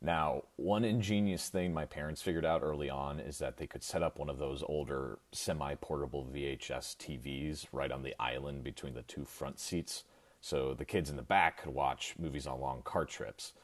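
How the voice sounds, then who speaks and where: A man's voice: rumbling low, fairly even intonation, normal speed. A man from the US Midwest telling a personal story on a podcast, wry and chuckling at his own tale.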